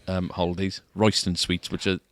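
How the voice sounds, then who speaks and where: Here a deep, monotone male voice with a fairly bright tone talks at a moderate pace, recorded at studio quality with no echo. He's a co-host on a guitar shop podcast, chatting casually indoors at the shop and often tacking tag questions onto what he says.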